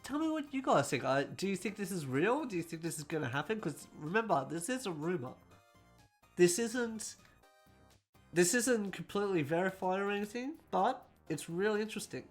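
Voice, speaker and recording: A man hosting a casual gaming news roundup, talking quickly and correcting himself as he goes. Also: sits high, sing-song, soft background music.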